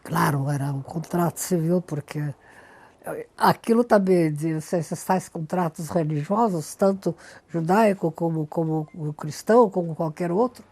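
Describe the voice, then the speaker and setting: An older woman being interviewed, telling lively anecdotes and repeating words for emphasis. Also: lowish voice, unhurried, husky. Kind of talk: storytelling interview.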